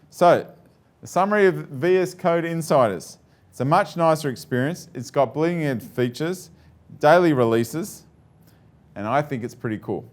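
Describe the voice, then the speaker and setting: A man giving a live presentation to an audience, chatty and joking, with many fillers and restarts. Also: mid-range voice.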